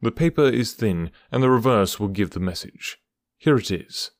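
For an audiobook, a man voices a cool, precise male detective with a dry, ironic edge and a measured mood. His fairly low voice is expressive and moves at normal speed, with no room sound.

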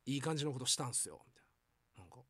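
A man's voice: medium pitch, very fast, slightly rough, dry recording. A man with a Kansai accent, animatedly telling a funny story on a comedy podcast and acting out the lines. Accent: Kansai Japanese. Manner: animated storytelling, acts out quotes, laughs often. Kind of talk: casual comedy chat.

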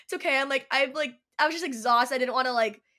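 A woman's voice: high-pitched, quick pace, sharp tone. A young adult woman chatting casually as a podcast guest, bubbly and full of fillers like "like". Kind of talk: casual chat.

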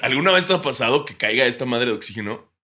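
A young man with a Mexican accent trades jokes on a casual podcast and laughs often. His voice is very bright and his pitch swings widely, and now and then he breaks into loud mock shouting. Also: lively intonation, fast. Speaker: podcast co-host. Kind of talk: casual comedic chat.

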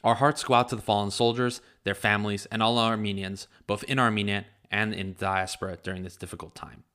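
Fast, low-voiced man, grave announcement. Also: flat delivery, a bit bright. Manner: grave, measured. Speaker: podcast announcer. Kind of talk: solemn read announcement.

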